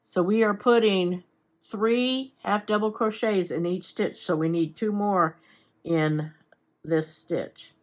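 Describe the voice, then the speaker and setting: A woman's voice: mid-range voice, slow pace. A woman giving a casual step-by-step crochet tutorial, talking unhurriedly while she works with her hands and adding chatty asides. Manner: chatty asides and self-corrections. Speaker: crochet instructor.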